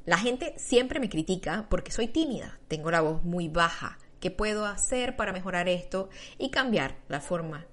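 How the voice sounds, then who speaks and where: A woman's voice: fairly low pitch, lively intonation, moderate pace, few pauses, fairly bright tone. A woman host thanking the guest and reading viewer questions from the chat.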